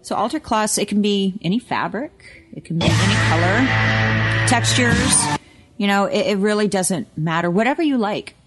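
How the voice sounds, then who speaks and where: A woman's voice: mid-range voice, animated, moderate pace, loud music behind the voice. A woman co-hosting a casual podcast chat, emphatic and prone to repeating points for stress. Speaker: podcast co-host, witchcraft shop worker.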